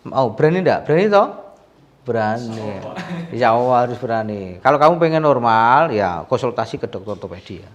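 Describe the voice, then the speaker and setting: Man, massage therapist; mid-pitched, chatty explainer with sympathetic exclamations. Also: expressive, fairly quick, lo-fi sound. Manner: chatty, alternates coaxing the patient and addressing viewers. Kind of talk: explaining to viewers while treating a patient.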